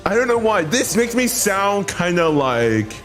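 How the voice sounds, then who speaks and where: A streamer talking in casual live-stream chat through a deep pitch-shifted voice changer, bemused and halting, breaking into giggles. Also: sing-song, a bit bright, faint music behind.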